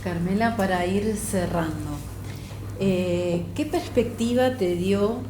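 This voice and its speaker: A woman interviewing a guest, asking questions gently and without hurry. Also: medium pitch, slow, roomy sound, background noise. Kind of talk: conversational interview.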